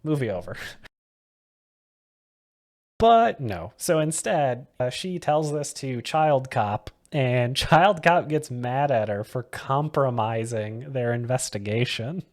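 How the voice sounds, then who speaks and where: A man in relaxed podcast banter, summing up a film scene by scene. He keeps breaking into giggles in the middle of his sentences. He sounds loose and amused throughout. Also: medium pitch, takes it slowly. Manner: giggly, laughs often mid-sentence. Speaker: podcast co-host. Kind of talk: casual movie-review chat.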